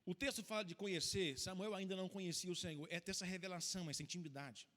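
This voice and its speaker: With a high-pitched, steady tone, a Brazilian pastor delivers a sermon built around his own life story, his volume rising and falling until he lands on slow, forceful lines. Long reverb from the church hall fills the recording.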